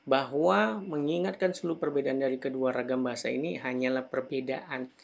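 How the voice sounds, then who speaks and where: A man's voice: medium pitch, brisk, creaky, muffled recording. A middle-aged man teaching English from slides, calling out English example words with extra stress. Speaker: English lecturer. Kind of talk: slide lecture.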